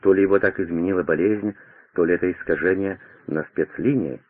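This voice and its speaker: Husky low male narrator on radio. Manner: measured, dramatic storytelling. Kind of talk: audiobook narration. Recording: tinny radio broadcast.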